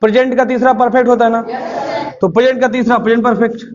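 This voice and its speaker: A man's voice: very high voice, fast talker. A male teacher, giving a live classroom lecture, drilling and coaxing his students and scolding them to repeat aloud. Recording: muffled classroom recording with steady noise.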